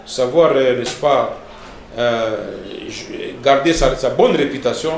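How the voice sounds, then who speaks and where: Pastor teaching in an echoey room. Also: male voice, mid-range voice, slow, noisy background. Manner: didactic, repeats words and tags lines with "hein" and "n'est-ce pas".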